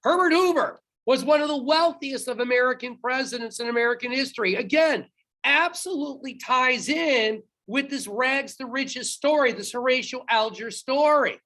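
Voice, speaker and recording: A man's voice: very high-pitched, normal speed, pushed and bright. A man teaching history in a recorded lecture, talking straight to his students and stopping to quiz them on trivia. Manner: chatty, talks straight to students, quizzes them.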